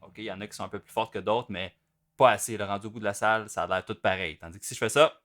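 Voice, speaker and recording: A man teaching a drum lesson in a loose, conversational manner, dropping fillers as he goes. His voice sits fairly low. Faint drum playing comes through in the background of the studio. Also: very fast, soft background music. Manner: relaxed, conversational, with many fillers. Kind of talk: casual spoken instruction.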